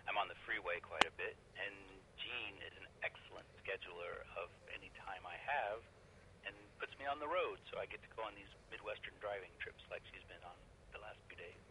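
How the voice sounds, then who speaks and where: A man with a fairly low voice answers questions in an easygoing, wry way. He is a theater professor talking over a phone line. The line is quiet, with faint noise behind him. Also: a little fast, creaky.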